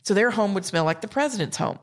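A woman's voice: medium pitch, expressive, fast. A woman with a Southern US accent, telling a humorous story in casual podcast chat. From South Carolina and Georgia. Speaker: podcast co-host.

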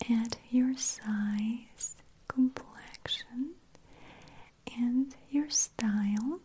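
A woman whispers in a soft, unvoiced hush, very close to the microphone. She talks slowly and gently, like a shopkeeper in an ASMR roleplay, her voice sitting a little high. A faint hiss lies under it. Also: low-quality recording. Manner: soft unvoiced whisper, unhurried sales talk.

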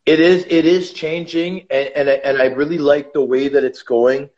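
A man's voice: a little high, normal speed. A man guest on a podcast, casually telling stories about his ice hockey career and calling the host brother. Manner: animated, calls the host brother. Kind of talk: casual interview storytelling. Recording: slightly dull lo-fi sound.

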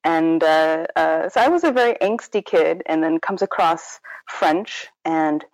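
A woman author whose first language is Korean speaks in a low-pitched, expressive, unhurried voice during a casual academic interview. As the guest, she's thoughtful and self-correcting, often restarting her sentences. The recording is dry and low in quality.

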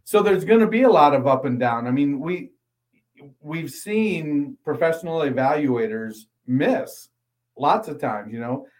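A man co-hosting a football podcast, reading an ad and then talking through prospects in a measured, analytical way. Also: fairly high pitch, lively intonation, a little mellow, poor audio. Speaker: podcast co-host. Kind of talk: casual sports talk and ad read.

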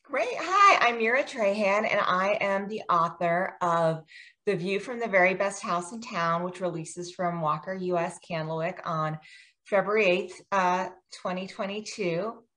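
A woman's voice: medium pitch, animated, measured pace, bright, forceful tone. An American woman in her forties, a guest author, talking in a chatty, self-deprecating way with frequent ums. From United States. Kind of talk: casual interview.

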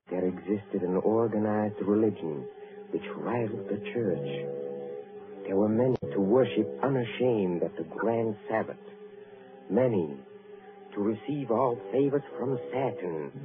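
An actor playing a suave, sinister count who tells dark tales of his accursed family, in 1940s radio acting style. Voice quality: deep and theatrical, with sly chuckles. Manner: suave storytelling turning darkly ominous. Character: sinister aristocratic count, old accursed family, menacing host. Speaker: count, lord of a chateau. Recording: tinny old radio broadcast.

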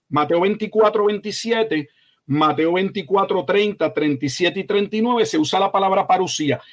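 Pastor guy with a high voice, slow deliberate teaching, keeps stressing what's false. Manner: emphatic, corrective, measured explanation; slow, deliberate delivery with frequent hesitations. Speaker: pastor, guest expert. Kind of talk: teaching interview answer.

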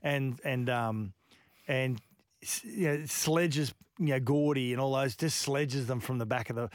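An Australian man hosting a sports radio show, telling stories in casual chat and breaking into excited live calls. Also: mid-range voice, a little slow, no echo, clean studio sound. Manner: storytelling, bursts into excited live call. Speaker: radio host.

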